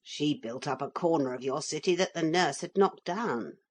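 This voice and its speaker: A woman with a low-sitting, slightly rough voice reads a storybook at normal speed in an animated way. She voices a calm, wise little wooden man come to life, who explains things patiently and matter-of-factly.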